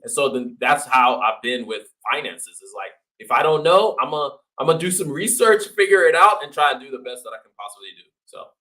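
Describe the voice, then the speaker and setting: As an interview guest, a man who spent his first twelve years in Nigeria before coming to the States tells stories in a casual, slangy chat, quoting himself and other people. His mid-range voice is brisk and sharp, with lively intonation and hardly any pauses.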